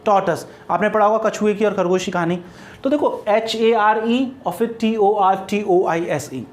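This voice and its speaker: A man's voice: high-pitched, normal speed. A male English grammar teacher giving a lesson, repeating key points, posing questions and answering them himself, and dictating example sentences word by word. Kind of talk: classroom-style grammar lesson.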